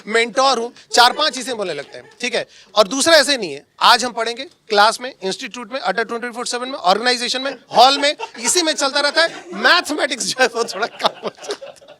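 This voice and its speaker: A man's voice: extremely high pitch, animated, a little fast, bright, forceful tone. A young man, a coaching teacher, chatting casually and teasing his colleagues with frequent laughs. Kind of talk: casual joking chat among colleagues.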